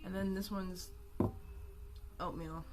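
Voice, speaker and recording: A woman's voice: lowish voice, fairly even intonation, slow, noisy background. Rambling young woman streaming casually. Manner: rambling, self-mocking, swears freely. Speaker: art streamer. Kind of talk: casual live-stream chat. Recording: music playing behind the voice. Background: music.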